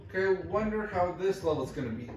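A man's voice: high-pitched, lively intonation, fairly quick, noisy background. A man giving casual play-by-play commentary on a game, calling out each jump and move in short bursts. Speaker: gameplay commentator. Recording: echoey room, far from mic, game music.

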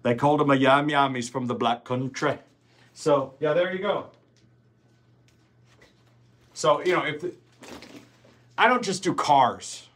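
A man's voice: fairly high pitch, measured pace, long pauses, a bit bright. A man in his forties, a band singer, chatting casually in a vlog, rambling and swearing freely. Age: 40s.

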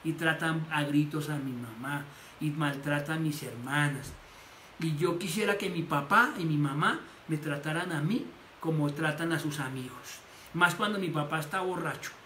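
A man's voice: a little high, moderate pace, bright, forceful tone. A man preaching a sermon as pastor, animatedly acting out the voices he quotes. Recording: echoey room with faint noise.

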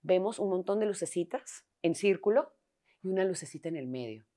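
A woman's voice: fairly low pitch, expressive, a little fast, dark tone. A young Peruvian woman with a Peruvian Spanish accent, telling personal stories as a guest in a casual interview at home. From Peru. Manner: candid, storytelling.

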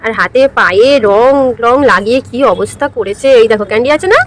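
A high-pitched woman talks casually to a small child. She coaxes with short, repeated questions and instructions. The home recording carries faint background noise. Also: fairly quick. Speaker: family carer filming a young child.

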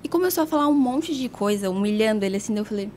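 Lively, high-pitched woman telling a story. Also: racing, slight background noise. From Brazil. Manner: frank, blunt, laughs between lines. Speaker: podcast guest. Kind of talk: candid confessional storytelling.

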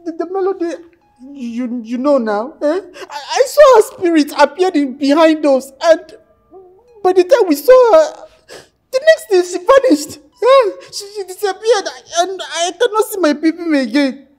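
A tearful stammering student, high voice, freaking out. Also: male voice, sing-song, measured pace, darkish tone, full character voice, rough recording. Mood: distraught. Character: panicked young male student, stammering.

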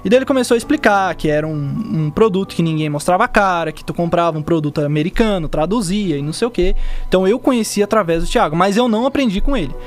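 Young male Brazilian podcast guest, high voice, rapid casual slangy delivery, explaining by example. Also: soft background music. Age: young adult. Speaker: podcast guest, digital marketer. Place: indoor podcast studio. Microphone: dynamic mic on boom arm, close.

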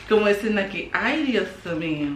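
A Dominican woman vlogging at home as she opens birthday gifts, expressive and emotional, laughing often. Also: medium pitch, a little slow, reverberant, crowd noise. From Dominican Republic. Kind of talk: casual vlog, opening birthday gifts. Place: home, indoors.

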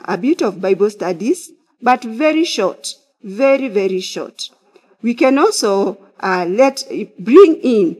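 A middle-aged woman, a counseling psychologist, speaking at a church pulpit to online viewers in a measured, instructive way. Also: a little high. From Kenya. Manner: measured, instructive, opens with prayer. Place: church sanctuary behind a glass pulpit.

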